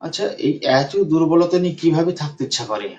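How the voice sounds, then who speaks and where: A man's voice: on the high side, animated, fast talker, a little mellow. A man working as a homeopathic doctor, retelling a patient's case and repeating phrases for emphasis. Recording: dull lo-fi recording.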